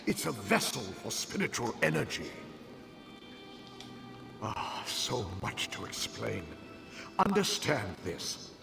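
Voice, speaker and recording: A man's voice: mid-range voice, big pitch swings, gravelly, full character voice. An actor playing the earnest, tormented spirit of a dead man in a fantasy game, speaking solemnly and dramatically. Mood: grave, urgent. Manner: solemn, dramatic, deliberate delivery. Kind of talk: fantasy video game acting. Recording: game music behind the voice.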